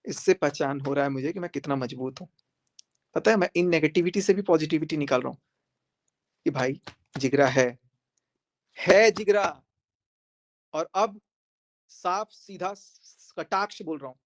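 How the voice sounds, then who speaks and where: A man speaking on a live stream to his viewers, emphatic and confrontational, repeating his points for force. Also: fairly high pitch. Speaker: social media creator.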